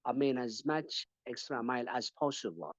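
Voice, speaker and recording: A man's voice: mid-range voice, lively intonation, normal speed, no echo, muffled recording. A man from Ethiopia answering questions as a panelist in an online teaching webinar, talking hesitantly with many fillers and repeated words.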